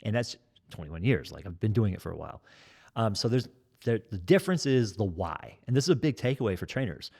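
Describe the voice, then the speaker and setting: Nasal guy in his 40s, kinda low voice, over-explains everything on a podcast. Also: big pitch swings, a little fast, vocal fry, darkish tone, husky. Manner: talkative, over-explaining, joking. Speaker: kettlebell trainer and fitness educator. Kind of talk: casual podcast conversation.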